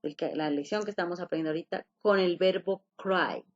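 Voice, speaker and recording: Speaking fairly quickly in a lowish voice, a woman runs an English lesson over a video call that sounds a bit muffled. She takes her students through each step with patience, restates the key points, and asks them question after question.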